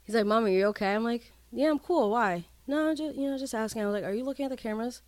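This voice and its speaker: A woman's voice: fairly high pitch, racing, no room sound. A woman, co-hosting a podcast and telling stories in casual chat, acting out the dialogue. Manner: animated storytelling, acts out quoted dialogue. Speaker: podcast co-host.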